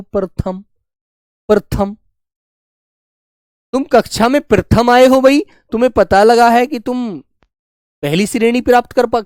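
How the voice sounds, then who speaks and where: A man teaching a spelling class online, coaxing his students and slowly repeating words to show how they are said. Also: very high voice, a little mellow, clear, resonant tone, no echo, studio quality. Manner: coaxing, keeps calling students "beta" and "bachche". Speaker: Hindi teacher.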